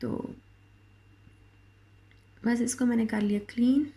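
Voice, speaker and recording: A woman from Pakistan with a Pakistani Urdu accent vlogs from her home kitchen, her voice a little hoarse from a sore throat. She drifts through fillers and half-finished words in an even, unvaried tone. Her timbre is mellow and dark. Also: fairly high pitch, takes it slowly. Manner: rambling, many fillers and restarts. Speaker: vlogger. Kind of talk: casual home vlog.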